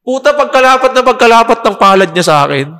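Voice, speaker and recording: Animated storytelling man, gravelly high voice. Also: fast, long reverb tail. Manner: animated, laughing, acts out quotes with curses. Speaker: podcast guest. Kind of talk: casual storytelling chat.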